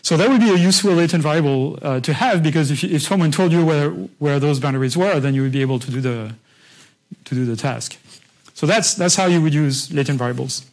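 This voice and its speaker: This university lecturer has a fairly high, slightly mellow voice and a brisk pace, captured on a rough recording. His patient, conversational explanations are full of restarts, and he keeps checking in with the class.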